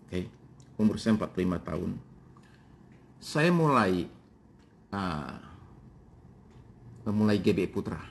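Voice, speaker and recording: A man in his fifties, a pastor preaching a sermon, speaking directly to his congregation with frequent pauses and fillers, answering his own questions. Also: low voice, vocal fry, slight background noise. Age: 50s. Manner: addresses congregation directly, asks and answers himself.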